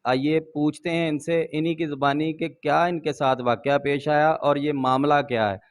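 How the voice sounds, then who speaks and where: A man's voice: on the high side, fairly even intonation, normal speed. A male news reporter giving a formal field report, addressing viewers and asking short questions.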